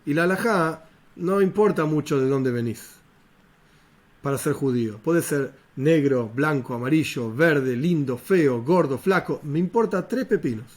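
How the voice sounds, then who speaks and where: A man's voice: fairly high pitch, animated, unhurried. A man with an Argentine Spanish accent, a rabbi giving an informal religious lesson, talking in a conversational way and repeating points for emphasis. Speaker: rabbi teaching a class.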